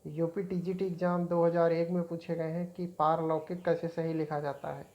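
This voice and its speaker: A woman's voice: deep voice, darkish tone, muffled recording. A woman teaching an exam-prep spelling lesson, repeating each word as she points out right and wrong forms.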